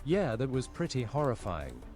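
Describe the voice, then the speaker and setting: A man's voice: medium pitch, normal speed, soft background music. Male text-to-speech voice reading chat. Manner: flat read-out chat messages.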